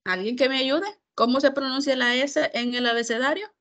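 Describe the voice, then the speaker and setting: A woman teaching English in an online class, explaining slowly in Spanish and repeating English words to model how they sound. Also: high-pitched, steady tone, fairly bright tone. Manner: slow, careful, repeats words to model pronunciation.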